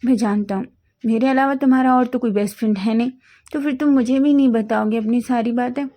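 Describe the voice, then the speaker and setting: A high-pitched, eager young college guy, as a woman puts him on for a read-aloud fan story, firing anxious questions one after another. The tone is mellow and soft. It is clearly a voice done by the reader herself. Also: fairly even intonation, close to an everyday voice. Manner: rapid worried questions. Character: excitable young male college friend.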